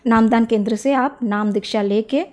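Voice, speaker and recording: A young woman speaks as an interview guest, making her case earnestly and persuasively. Her voice sits a little high, and she often pauses on soft filler sounds between phrases. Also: fairly even intonation. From Odisha, India. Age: young adult. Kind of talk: devotional testimony interview.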